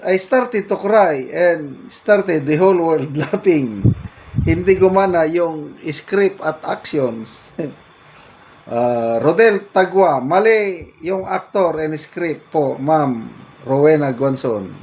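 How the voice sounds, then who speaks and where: A man's voice: on the high side, a little hiss or hum. A middle-aged Filipino man doing casual reaction commentary, reading out comments and laughing often in an amused, mocking way. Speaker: political commentary vlogger.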